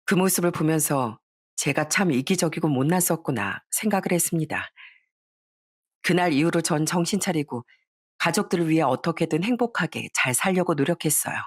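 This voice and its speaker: Low-voiced woman narrating a personal story. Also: fairly quick, no echo, studio quality. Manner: calm, reflective storytelling.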